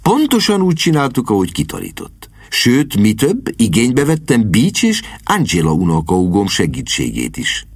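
A man's voice: fairly low pitch, wildly swooping pitch, hardly any pauses, slightly rough, dry recording, voice pushed up, full character voice. A man voicing a vague, peevish elderly lord in an audiobook reading. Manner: peevish, fussy.

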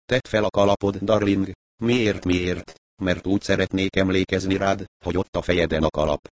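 A man's voice: sits low, fairly even intonation, lightly acted. A man reading aloud, voicing a desperate woman who pleads with her partner in an urgent tone. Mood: pleading.

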